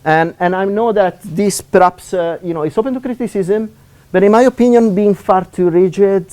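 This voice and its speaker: An Italian university lecturer gives a seminar talk in Italian-accented English, speaking fast with many fillers and restarts. His voice sits high and is a little mellow.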